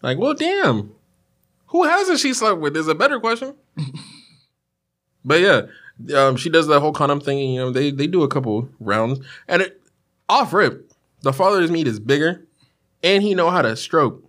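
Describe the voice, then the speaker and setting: A man's voice: a little high, very animated, normal speed, long pauses, a bit bright. A man in casual comedic podcast chat, bantering in laid-back slang.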